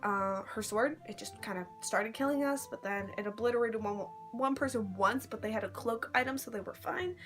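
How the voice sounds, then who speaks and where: A woman chatting casually to her phone at arm's length, telling stories in a rambling, slangy way as a vlogger. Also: on the high side. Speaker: vlogger recounting a live-action role-play event. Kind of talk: casual chat.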